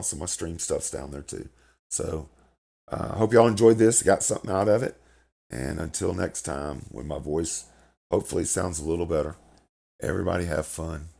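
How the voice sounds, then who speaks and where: A middle-aged man with a low, darkish, crackly and gravelly voice hosts a gaming video from a room in his home. He rambles through casual commentary, repeating words and swearing when he gets annoyed.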